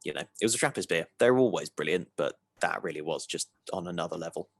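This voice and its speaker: A man's voice: sits low, lively intonation, fast talker, creaky, husky. A man, co-hosting a podcast in casual chat, emphatic and enthusiastic. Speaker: podcast co-host.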